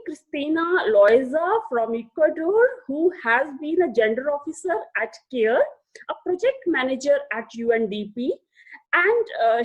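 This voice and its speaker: Host, woman, slightly high husky voice, formal questions over a video call. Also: lo-fi sound. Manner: reads a formal introduction, then asks long questions. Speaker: interview host.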